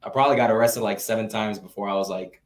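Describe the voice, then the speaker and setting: A young man from Florida chats easily as an interview guest, his voice sitting a little low. He keeps things loose and conversational, often leaning on "you know" and starting sentences over. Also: fast talker. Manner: relaxed, peppered with "you know" and restarts. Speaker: guest, real estate investor. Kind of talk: casual live Q&A chat.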